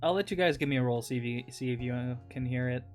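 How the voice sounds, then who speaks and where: A man runs a tabletop game as game master, his voice mid-pitched and ordinary. He keeps stopping and restarting his sentences, and faint music plays under him. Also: fast, a little mellow. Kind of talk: running a tabletop game over voice chat.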